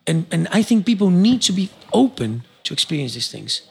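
Gravelly-voiced Argentine man urging people on. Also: high-pitched, big pitch swings, a little fast. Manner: passionate, exhortative, many repeated words. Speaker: guest. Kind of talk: casual interview chat.

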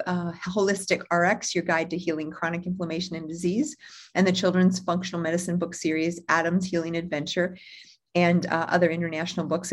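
A woman who hosts a podcast and trained as a family physician, introducing her guest in an admiring, enthusiastic way. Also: fairly low pitch. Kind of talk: podcast interview.

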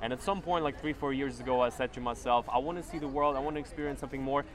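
A young man talks casually as an interview guest, relaxed and full of fillers. He is recorded outdoors in a city, and his voice sits at an ordinary middle pitch. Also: racing, crowd noise. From Germany. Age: 20s. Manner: relaxed and chatty, with many fillers.

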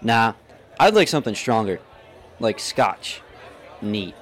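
A man doing a gruff, very slow inner voice. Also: fairly low pitch, very animated, some chatter behind, pitched below the performer's own voice.

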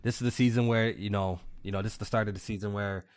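A man's voice: on the low side, steady tone, quick pace, smooth. A man hosting a gaming podcast, congested from a cold, chatting loosely and repeating himself as he jokes around. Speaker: podcast host. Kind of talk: casual gaming podcast chat.

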